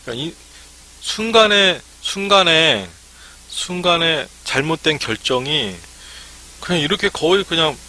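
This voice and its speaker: A man's voice: a little high, pushed and bright. A man giving a live-streamed lecture to would-be academy owners, chatty and peppered with "ne" fillers. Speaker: academy startup consultant.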